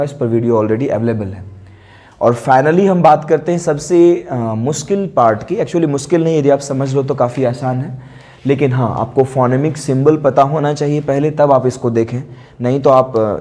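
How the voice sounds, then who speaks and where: A man with an Indian accent teaching an English lesson for exam prep. He has a mellow, darkish voice and explains step by step, saying each example word slowly and more than once. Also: medium pitch.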